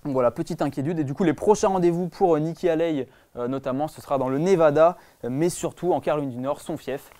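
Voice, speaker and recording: Young male co-host, rapid and halting, slightly high voice. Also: warm tone. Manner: quick, hesitant, many fillers. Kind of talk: casual news chat show.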